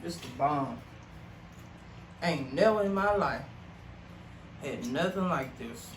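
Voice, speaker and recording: A man hosting a casual mukbang, chewing as he talks and savoring with drawn-out mm sounds. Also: fairly high pitch, animated. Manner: chewing while talking. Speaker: mukbang host. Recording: roomy, noisy, distant mic.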